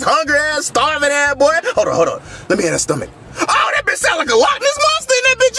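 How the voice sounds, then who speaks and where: A man voicing a loud, brash, foul-mouthed adult man who shouts and cackles crude teasing in a puppet comedy sketch. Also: very high-pitched, exaggerated voice.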